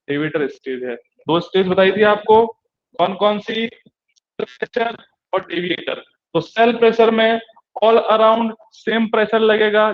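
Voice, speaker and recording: A male lecturer giving a classroom lecture, repeating key terms slowly and asking and answering his own questions. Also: sits high. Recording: dull lo-fi recording.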